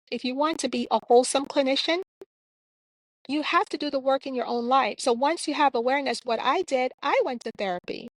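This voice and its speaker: A woman's voice: sits high, no echo, rough recording. Earnest woman from Jamaica, dry sound. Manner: reflective, earnest, with many fillers. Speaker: guest, clinician and author. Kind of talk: podcast interview answers.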